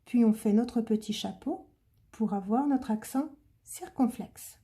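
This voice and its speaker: A woman speaking slowly and deliberately, her voice dark and mellow yet a touch high. She guides young learners through handwriting one stroke at a time, calm and patient, every word clearly articulated. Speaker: teacher. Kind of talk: handwriting lesson, step-by-step instruction.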